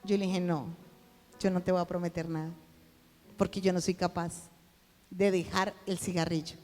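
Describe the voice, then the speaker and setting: A woman preaching, telling a personal testimony and acting out the dialogue in it, at times rising to a shout. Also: fairly low pitch, little pitch movement, normal speed, long reverb tail, faint music behind. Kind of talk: sermon testimony.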